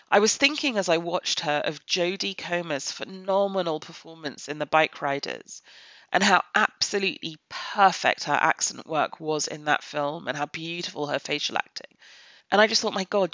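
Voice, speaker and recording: A woman's voice: sits low, pushed and bright, dry recording. A woman giving a blunt, opinionated film review on a podcast. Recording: slightly dull, dry podcast audio.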